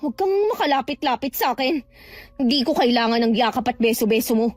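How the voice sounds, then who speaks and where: Here an actress in a fairly high, natural voice plays a wronged young woman back from working abroad whose family swindled her out of her house. She talks fast and shouts accusations at them in a fury, with no room sound.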